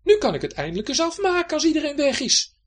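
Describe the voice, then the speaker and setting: A woman voicing a calm, teasing young woman who is obsessed with cleaning, in a storybook reading. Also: sits high, quick pace, pitched above the performer's own voice. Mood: scolding. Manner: cool, teasing.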